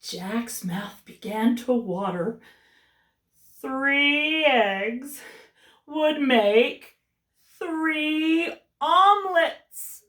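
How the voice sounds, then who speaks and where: A woman kindergarten teacher reading a picture book aloud expressively and chatting to young children. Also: sits high. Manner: animated, explains words to children, drawn-out delivery when reading. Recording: roomy echo, distant mic.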